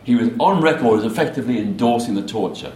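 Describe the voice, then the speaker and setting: Male activist, measured storyteller, leans on repetition; a bit of room noise behind him. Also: medium pitch, animated, darkish tone. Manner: measured, emphatic, repeats key phrases. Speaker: activist recounting a protest. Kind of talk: storytelling talk. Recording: roomy echo.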